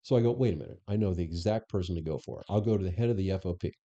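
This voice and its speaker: A man's voice: low-pitched, racing, dark tone, dull audio. A middle-aged man, a guest in an interview, telling stories in a casual way and acting out the lines people said to him. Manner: anecdotal, acts out quoted dialogue. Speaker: interview guest, former police superintendent. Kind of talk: conversational storytelling.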